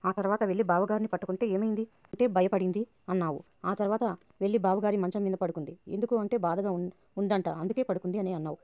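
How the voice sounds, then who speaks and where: A woman's voice: mid-range voice, steady tone, quick pace, no echo, muffled recording, close to an everyday voice. A woman narrator reading the lines of a scheming, sarcastic young woman. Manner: sarcastic and goading.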